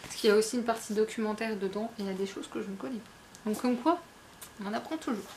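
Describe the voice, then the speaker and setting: A woman's voice: medium pitch, fast talker, a little mellow, slight background noise. A woman book vlogger chatting casually about her new books, hesitant and full of fillers. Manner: chatty, hesitant, many fillers, laughs often. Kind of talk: casual book haul chat.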